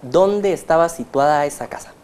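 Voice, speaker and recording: A man's voice: a little high, normal speed, darkish tone. A man hosting a religious TV interview, formal and welcoming in how he talks. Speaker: TV program host.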